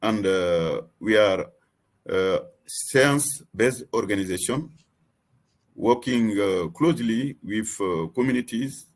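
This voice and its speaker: A man speaking for a wetlands organization, answering a panel question haltingly while searching for words. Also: on the low side, lively intonation.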